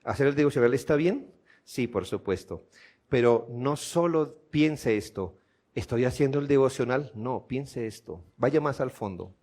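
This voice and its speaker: A male pastor with a Colombian accent delivers a sermon in a church at a slow, deliberate pace. His voice sits at an ordinary male pitch. He keeps asking his listeners questions and rises to loud, forceful emphasis. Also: lively intonation. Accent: Colombian Spanish. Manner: preaching with rhetorical questions, builds to loud emphatic peaks.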